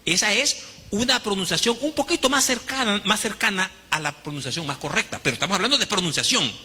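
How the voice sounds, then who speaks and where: A Honduran man preaching a teaching sermon, his voice bright and sharp with a husky edge. He speaks with lively, rising and falling pitch and acts out the quoted voices. A long hall reverb trails behind him. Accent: Honduran Spanish. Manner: teaching, addresses congregation as brothers, dramatic quoted voices. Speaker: pastor.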